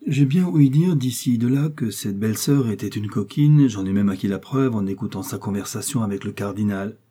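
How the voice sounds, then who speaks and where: A man reading the lines of a gentle, scholarly musketeer who speaks softly, slowly and carefully. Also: on the low side, husky. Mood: measured. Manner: soft, slow and measured.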